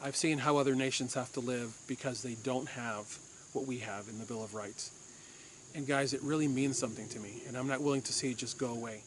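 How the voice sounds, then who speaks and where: A man's voice: medium pitch, fairly even intonation, brisk, slight background noise. A man from Puerto Rico, a former police officer, hosting a firearms channel and giving an insistent opinion monologue to camera, repeating his points for force.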